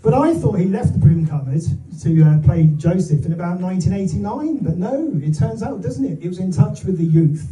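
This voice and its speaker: A middle-aged male comedian with an English accent works a live audience with conversational anecdotes. His voice sits high for a man yet is very mellow and unforced. It is picked up from a distance in the room. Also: expressive, fairly quick, hardly any pauses. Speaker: stand-up comedian. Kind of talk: stand-up comedy in front of an audience. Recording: echoey room, recorded from far off.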